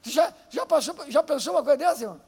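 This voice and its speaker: A man with a Brazilian Portuguese accent preaching a sermon, swinging from fervent shouting to quiet teaching and acting out Bible stories. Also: extremely high pitch, lively intonation, fast.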